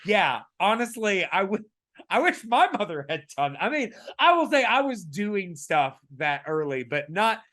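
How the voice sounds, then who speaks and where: Raspy-voiced man in casual podcast chat. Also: high voice, measured pace. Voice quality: raspy today. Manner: animated, emphatic, many fillers and restarts. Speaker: podcast co-host.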